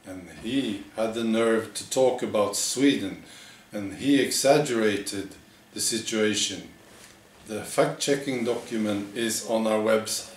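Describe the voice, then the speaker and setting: A man in his forties delivers satirical news with a deadpan, mock-earnest manner. His voice is fairly low and he speaks very slowly, with halting pauses. The sound is echoey, picked up by a camera across a living room. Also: slight background noise. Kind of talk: deadpan parody news monologue. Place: living room with bare walls, indoors. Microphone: camera a few metres away. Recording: echoey room, distant microphone.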